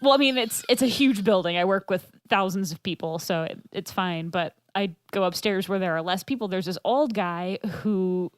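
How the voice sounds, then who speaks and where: A woman's voice: medium pitch, normal speed, few pauses, smooth, dry recording. A woman co-hosting a podcast, telling a rambling workplace story in casual chat with lots of fillers.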